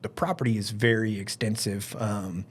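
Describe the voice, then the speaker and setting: A husky man with a fairly low, steady voice talks at a normal speed. He's a firearms instructor and event organiser from Alabama, appearing as a podcast guest and rambling casually with plenty of "like" and "you know."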